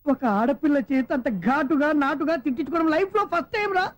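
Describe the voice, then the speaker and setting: An actor playing an excitable, nosy young friend in a film comedy, chattering rapidly. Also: male voice, extremely high pitch, no echo, dull audio. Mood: eager.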